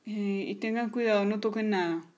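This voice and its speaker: A woman voicing a tired, skeptical male police officer in a toy story, talking low and doubtfully. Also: normal speed, a little mellow, natural voice. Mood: weary.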